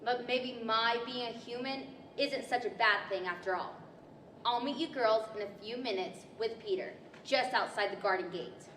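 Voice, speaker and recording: A woman's voice: on the high side, moderate pace, lightly acted. A young woman playing Alice, a polite, curious, eager storybook girl, in earnest, old-fashioned radio-play style. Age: young adult. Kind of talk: 1940s radio-style stage acting. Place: library event room, indoors, live stage. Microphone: stand microphone. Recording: roomy hall with faint noise.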